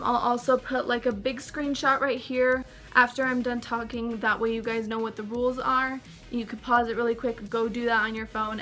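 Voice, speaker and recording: Young woman, Valley girl accent, slightly high voice, chatty vlog talk, faint music behind. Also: bright, forceful tone. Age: young adult. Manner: chatty, upbeat, lots of likes and ums. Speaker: vlogger. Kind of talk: casual vlog chat.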